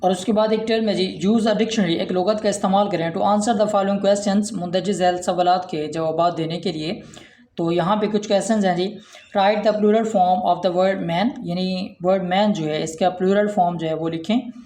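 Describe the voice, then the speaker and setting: A male teacher explaining a textbook lesson, reading English phrases slowly and then explaining them in Urdu. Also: high-pitched, darkish tone. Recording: roomy echo.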